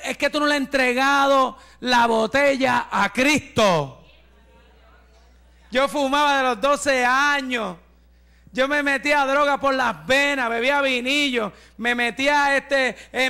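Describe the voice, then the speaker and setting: Pastor in his forties: very high, bright, gravelly voice; fervent preaching with shouts and jokes. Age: 40s. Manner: fervent preaching, rising to shouts, with joking asides. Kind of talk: testimony sermon.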